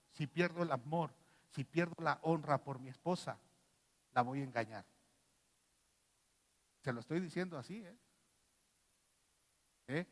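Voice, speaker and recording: High-voiced Mexican pastor preaching. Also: male voice. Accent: Mexican Spanish. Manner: animated, rhetorical questions to the congregation. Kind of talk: sermon. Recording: long reverb in a church hall.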